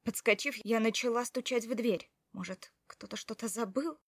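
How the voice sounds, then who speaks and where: A woman's voice: on the high side, normal speed, husky, no room sound, clean studio sound. Woman narrating an audiobook in first person. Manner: expressive, emotional reading.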